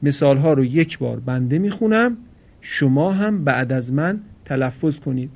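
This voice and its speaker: A man teaching Quran recitation pronunciation, drawing out each model word slowly between brisk explanations. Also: medium pitch, lively intonation, creaky. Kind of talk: pronunciation lesson with drills. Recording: dull lo-fi recording.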